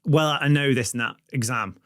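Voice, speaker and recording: A man from Stoke hosting a podcast, asking relaxed questions and backing the guest with steady yeahs. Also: medium pitch, moderate pace, dry recording, clean studio sound. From Stoke-on-Trent, England. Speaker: podcast host. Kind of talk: casual conversational interview.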